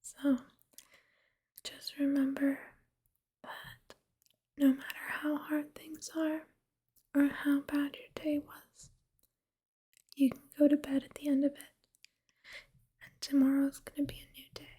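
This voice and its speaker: Woman whispering a slow, soothing pep talk. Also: high voice, monotone. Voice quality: soft unvoiced whisper. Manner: slow, gentle, reassuring. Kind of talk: ASMR whispered pep talk, reading and discussing affirmations.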